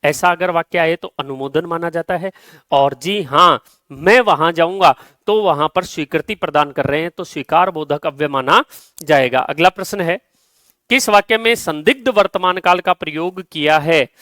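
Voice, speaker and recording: Man, high voice, grammar teacher, quiz answers, stresses examples, dry close sound. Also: pushed and bright, no room sound. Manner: slows down and stresses example sentences.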